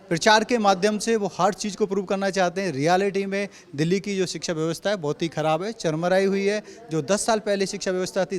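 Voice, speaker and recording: A man from Delhi, a party spokesperson, answering interview questions assertively and hammering his points home in Hindi with a Delhi accent. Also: high voice. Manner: assertive, repetitive rhetorical points.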